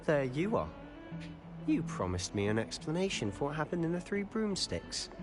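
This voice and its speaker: A man's voice: a little high, very animated, moderate pace, over music. An actor playing a confident, conspiratorial young male student. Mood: curious.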